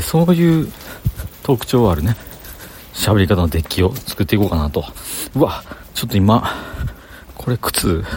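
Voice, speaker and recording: A man's voice: fairly low pitch, darkish tone, a little hiss or hum. A man with a Banshu Kansai accent, rambling casually to himself as he walks outdoors through city streets. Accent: Kansai, Banshu (Himeji) dialect. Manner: chatty self-talk, thinking aloud. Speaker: vlogger talking to camera. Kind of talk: casual rambling monologue while walking.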